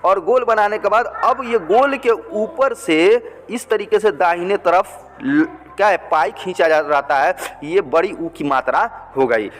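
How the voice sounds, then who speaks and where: Male teacher, patient and repetitive, fairly high voice, recorded with a long reverb tail. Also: measured pace, fairly bright tone. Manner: patient, repetitive, checks with "ठीक". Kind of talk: blackboard language lesson.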